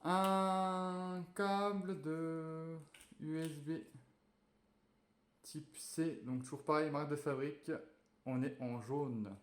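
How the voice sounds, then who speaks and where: Slow, hesitant man in an echoey room. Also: on the high side. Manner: hesitant, many fillers, relaxed and chatty. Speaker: tech reviewer unboxing a phone. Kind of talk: casual unboxing chat.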